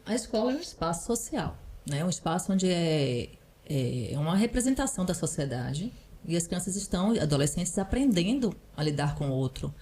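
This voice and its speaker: A woman's voice: lowish voice, very animated, normal speed, mellow, a little hiss or hum. Woman giving parenting advice. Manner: earnest, advising, often adds "né". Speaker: parental counselor and psychoanalyst guest. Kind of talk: explanatory podcast conversation.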